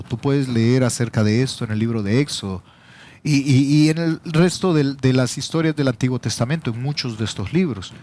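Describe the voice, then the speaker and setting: A man's voice: mid-range voice, darkish tone. A pastor with a Salvadoran Spanish accent preaching a teaching sermon, his voice rising sharply when he quotes scripture.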